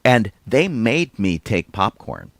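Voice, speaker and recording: A man's voice: lowish voice, wildly swooping pitch, slow pace, gravelly, fairly bright tone, dry recording. A man co-hosting a podcast, chatting casually and telling rambling stories with small chuckles. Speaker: podcast co-host. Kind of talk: casual chat.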